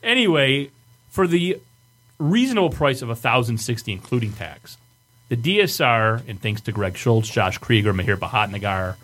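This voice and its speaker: A man's voice: mid-range voice, lively intonation, moderate pace, fairly bright tone. A man with a Michigan accent hosting a podcast, telling stories casually in a profane, exasperated manner. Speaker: podcast host. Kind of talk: casual storytelling banter.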